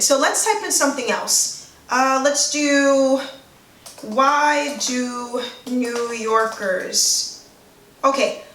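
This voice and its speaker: A woman's voice: high voice, pushed and bright, echoey room, far from the mic. A woman from New York with a New York accent, chatting frankly to camera in a casual vlog, full of "like". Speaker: vlogger.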